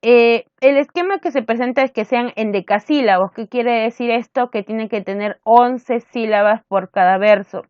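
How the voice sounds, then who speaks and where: Woman teacher reading verses slowly. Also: a little high, smooth, dry recording, lo-fi sound. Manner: reads verses slowly, stressing syllables and rhymes; checks in with "¿no es cierto?". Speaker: literature teacher. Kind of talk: online class lecture.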